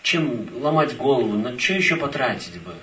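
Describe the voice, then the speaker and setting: A man interpreting a talk phrase by phrase, quickly following each line. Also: medium pitch, very animated, crowd noise. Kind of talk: consecutive interpreting. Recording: echoey hall, distant mic.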